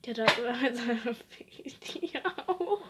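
A woman's voice: on the high side, expressive, slow, heavy background noise. A young woman co-hosting a casual podcast, teasing her friend with crude slang-heavy banter. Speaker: podcast co-host. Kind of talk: casual joking podcast chat.

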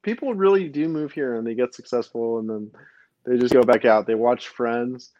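A Brooklyn-born man hosts a podcast, chatting casually and rambling through fillers and restarts. His voice sits at an ordinary pitch for a man. The sound is muffled and lo-fi, with a dry, close feel. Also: normal speed, a little mellow, no echo. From Brooklyn, New York. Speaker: podcast host. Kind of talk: casual chat.

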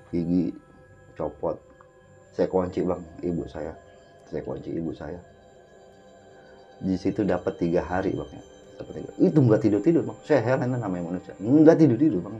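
Over faint background music in a dull, lo-fi recording, a man with a deep, mellow voice speaks at normal speed with long pauses. He's a guest casually sharing a vivid, dramatic personal story, constantly addressing the host as "Bang."

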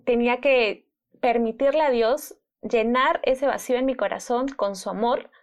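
A young woman giving an emotional faith testimony, halting, with many fillers and restarts. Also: a little high. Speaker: guest sharing testimony.

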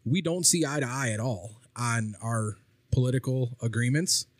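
This podcast co-host, a man with a medium-pitched voice, chats casually over drinks at a moderate pace, laid-back and swearing freely. There's no room sound on the recording.

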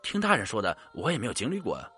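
A man's voice: lowish voice, wildly swooping pitch, rapid-fire, bright, forceful tone, faint music behind, heavily acted. A man voicing a timid young ferryman who talks eagerly and pleads anxiously. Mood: frightened.

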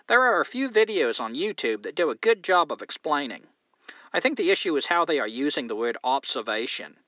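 A man's voice: a little high, sharp tone, no echo, lo-fi sound, full character voice. A man voicing a woman listener from New Zealand in a put-on mock Australian accent, reading her letter aloud.

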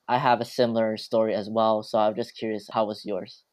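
A man's voice: on the low side, little pitch movement, a little fast. A man from Hong Kong hosting a podcast, asking questions in a curious, casual way with "like" and "maybe" sprinkled in. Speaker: podcast host.

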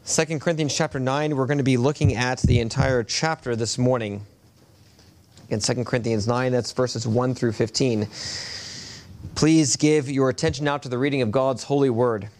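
A man's voice: medium pitch, steady tone, a little mellow. Man preaching at a pulpit microphone. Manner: measured reading, halting with many fillers when speaking freely. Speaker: pastor. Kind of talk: sermon with scripture reading and prayer. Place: church sanctuary.

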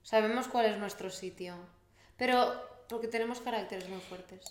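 A woman from Spain co-hosting a podcast, lively and emphatic with a teasing edge. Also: mid-range voice, moderate pace, roomy sound. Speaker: podcast co-host. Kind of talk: casual chat.

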